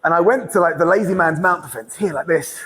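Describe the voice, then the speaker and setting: A man in casual podcast chat, telling stories with lively energy, laughing often and restarting sentences. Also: a little high, quick pace, long reverb tail, slight background noise. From England. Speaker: grappling competitor, guest.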